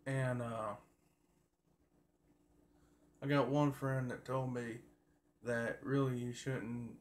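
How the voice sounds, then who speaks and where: A man's voice: medium pitch, steady tone, takes it slowly. A man chatting casually and folksily to his viewers, rambling along in a colloquial way into a phone. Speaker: livestream host. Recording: noisy phone recording with background ambience.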